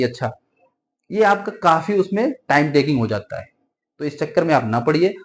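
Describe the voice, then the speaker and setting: Male grammar teacher, fairly high voice, advising classroom tone, slow word-by-word dictation. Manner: explains in Hindi with English examples, dictated slowly word by word; frequent checking "ठीक है" fillers, advising tone. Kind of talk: classroom-style grammar lesson for exam students.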